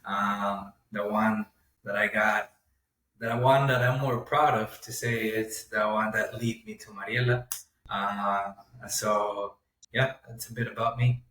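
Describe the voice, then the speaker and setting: A young man speaks in a low, fairly monotone voice, measured and pausing often to find his words. He sits some way from the mic, so the room's echo colors every phrase. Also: a little hiss or hum. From Honduras. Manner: measured, pauses with frequent ums. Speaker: podcast guest. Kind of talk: casual interview. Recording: roomy, distant mic.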